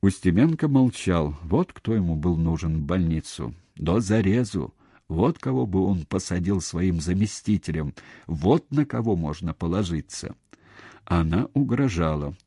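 Low, husky male audiobook narrator. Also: no echo, studio quality. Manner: measured, expressive reading. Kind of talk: scripted narration.

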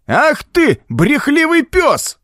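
A man voicing a belligerent, hot-tempered old man who shouts insults. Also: extremely high pitch, wildly swooping pitch, takes it slowly, no room sound, clean studio sound, pitched above the performer's own voice, exaggerated voice. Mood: enraged.

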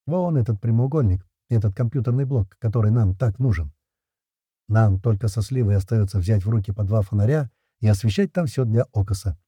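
Husky, dark-voiced male narrator. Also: on the low side, fairly quick, dry recording. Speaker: audiobook narrator. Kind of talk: first-person audiobook narration.

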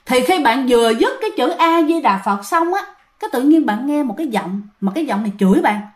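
A woman's voice: sits high, expressive, a little fast. Chatty woman telling ghost stories. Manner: chatty, addresses listeners directly. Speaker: storyteller. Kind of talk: ghost story narration.

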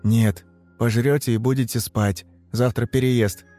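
A worn-out male orderly who snaps at his patients in short, crude lines, as a male narrator plays him. The voice sits at an ordinary middle pitch, with very little put-on change from a normal speaking voice. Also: steady tone, unhurried, faint music behind, lightly acted. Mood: curt. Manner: curt and crude, erupting into yelling. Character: exhausted, irritable male care assistant.

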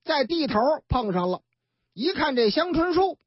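A woman radio host, telling news stories in a chatty, lively way. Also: high voice, moderate pace, no room sound. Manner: chatty, lively storyteller who acts out the people in her stories. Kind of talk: storytelling news commentary. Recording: dull, dry lo-fi radio broadcast.

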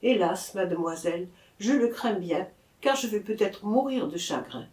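A woman's voice: mid-range voice, lively intonation, moderate pace, darkish tone, lightly acted. A woman reader voicing a timid, lovesick young abbé who speaks humbly and mournfully, in an echoey room. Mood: sorrowful.

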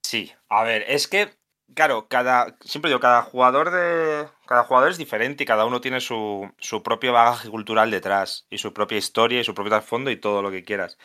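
The translator from Asturias, Spain, talks a little quickly on a casual podcast, his mid-range voice bright and forceful. Thinking as he goes, he keeps restarting sentences and correcting himself.

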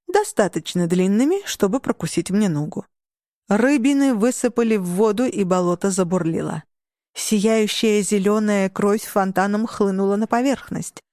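A woman giving a steady, measured first-person audiobook narration. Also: medium pitch, no echo, studio quality.

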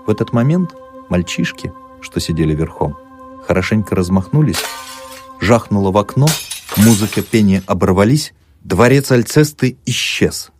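A man narrating an audiobook in an expressive, dramatic storytelling manner. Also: on the low side, moderate pace, faint music behind.

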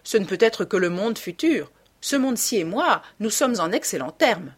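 A languid, cynical aristocrat trading epigrams, read by a woman narrator. The delivery is dry and ironic, yet the pitch moves with lively turns. Audiobook character reading in a storyteller's register. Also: moderate pace, breathy edge.

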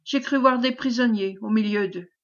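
Woman reading a hurried messenger with bad news, lo-fi sound. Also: on the high side, natural voice. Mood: urgent. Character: breathless male messenger bringing alarming news.

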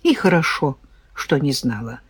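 A woman's voice: medium pitch, lively intonation, unhurried, no echo. Woman voicing a weary resigned older woman. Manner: quiet, resigned and sighing. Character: weary middle-aged woman bringing prison parcels.

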